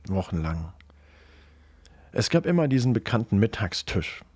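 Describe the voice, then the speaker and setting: A man telling horror stories on a livestream in calm, hushed narration. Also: low-pitched, husky, dry recording. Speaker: horror storyteller.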